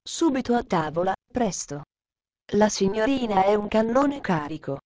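A woman voicing a loyal, good-humoured male butler in a storybook reading, talking in a brisk manner. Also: medium pitch, sing-song, a little mellow, close to an everyday voice. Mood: hurried. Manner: hurried, brisk.

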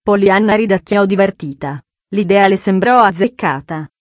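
Steady woman audiobook narrator. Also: medium pitch, moderate pace, no room sound. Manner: steady storytelling delivery. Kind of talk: scripted narration.

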